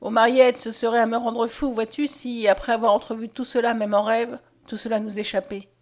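A woman voicing a gentle, weary young man with weak eyesight who speaks earnestly. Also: fairly high pitch, flat delivery, brisk, close to an everyday voice. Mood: pleading. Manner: earnest, pleading.

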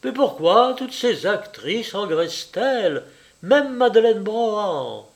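A man reading an audiobook, voicing a passionate, nervous young woman who switches between hushed urgent whispers and bright raised chatter. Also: fairly high pitch, normal speed, lightly acted.

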